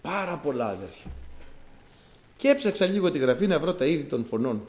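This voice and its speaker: Male preacher from Greece, high-ish voice, swings wide in pitch, emphatic sermon delivery. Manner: animated, rising to emphatic outbursts.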